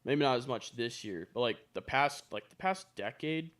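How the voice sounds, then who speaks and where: A man's voice: mid-range voice, animated, moderate pace, fairly bright tone. A man co-hosting a sports podcast, talking casually and hedging his claims. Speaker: podcast co-host.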